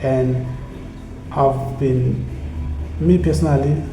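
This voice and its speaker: This earnest man, founder of a community initiative from South Africa with Tsonga as his first language, reflects in a motivational monologue. His flat, mid-range voice has vocal fry, and he halts and repeats phrases. Steady background noise fills an echoey room.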